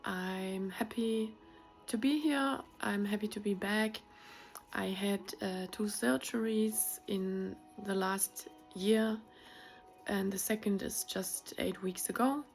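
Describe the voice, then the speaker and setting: A woman's voice: medium pitch, fairly even intonation, slow pace, soft background music. A woman with a German accent talking casually to her viewers in a vlog, hesitant, with many fillers and restarts. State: recovering from surgery. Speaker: YouTuber.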